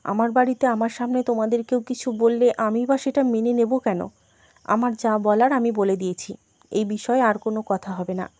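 A woman narrating a family drama and reading all of its characters in one steady storytelling voice. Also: a little high, moderate pace, no room sound. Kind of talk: scripted narration.

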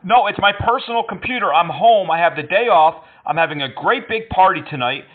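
A man's voice: high-pitched, expressive, fairly quick. A man prank-calling scammers, mocking and teasing them with frequent laughter. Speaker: scam baiter. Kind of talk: prank phone call. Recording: tinny phone line.

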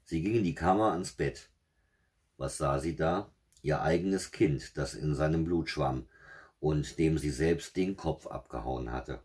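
A man with a husky voice reading a fairy tale aloud in a steady, measured way. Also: very deep voice. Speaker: storyteller.

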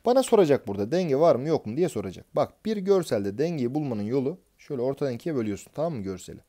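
A man's voice: mid-range voice, very animated, very fast, mellow. A man teaching an exam prep lesson, explaining concepts step by step and answering his own questions as he goes.

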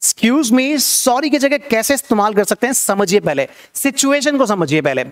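An Indian man teaching an English class live, explaining in Hindi and saying the English phrases slowly and more than once. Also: extremely high pitch, lively intonation. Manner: coaxing, asks viewers to read along.

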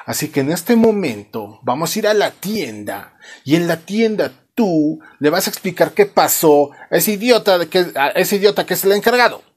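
Man doing a yelling cartoon dad. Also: high-pitched, lively intonation, normal speed, slightly rough, voice pushed up. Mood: furious. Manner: explosive, shouting insults. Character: hot-tempered cartoon father yelling at his kids.

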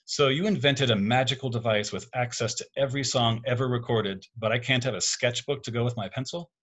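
A man voicing a calm, self-deprecating middle-aged father in a read-aloud story, close to his own voice. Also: medium pitch, fairly quick, close to an everyday voice. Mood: joking. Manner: calm, gently joking.

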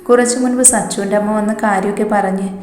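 A woman's voice: medium pitch, fairly even intonation, quick pace, a little mellow, natural voice. A woman playing an exasperated scolding young mother. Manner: scolding, complaining. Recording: reverberant room, faint music behind.

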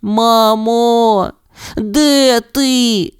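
A narrator voicing an excitable little male corgi puppy in a storybook, asking eager, high questions. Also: moderate pace, no room sound, clean studio sound, lightly acted. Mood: worried. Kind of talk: storybook character voice.

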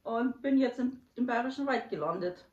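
A giggly Bavarian woman co-hosting, with a fairly high voice. She is heard from a distance in a roomy space, and the sound is dull because she has no mic of her own. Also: lively intonation, moderate pace. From Upper Bavaria, near Munich. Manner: joking, giggly, trails off quietly. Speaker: co-host, guest. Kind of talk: casual chat. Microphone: phone or camera, no own mic, off-mic.

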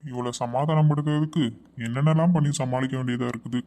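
A woman's voice: very deep voice, fairly even intonation, fairly quick, dark tone, a little hiss or hum. A woman voicing a teasing, easygoing young husband in a cartoon, coaxing and playful.

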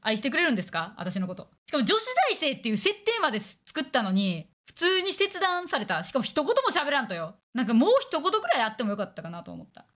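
A woman's voice: high-pitched, very animated, fairly bright tone. A young woman with a Kansai accent, chatting bluntly and crudely on a casual stream. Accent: Kansai Japanese. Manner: blunt, crude, fast banter with acted-out quotes.

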